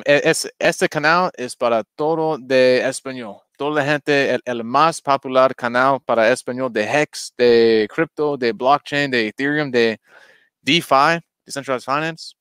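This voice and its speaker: Slow, hesitant man with a smooth voice. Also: medium pitch, fairly bright tone, dry recording, clean studio sound. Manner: hesitant, halting Spanish with many fillers and English asides. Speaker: guest YouTuber. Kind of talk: casual livestream chat.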